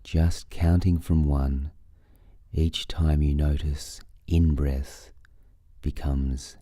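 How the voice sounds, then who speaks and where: A man leading a guided breathing meditation, giving soothing, unhurried instructions with long pauses between phrases. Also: very deep voice, flat delivery, mellow, dry recording, studio quality.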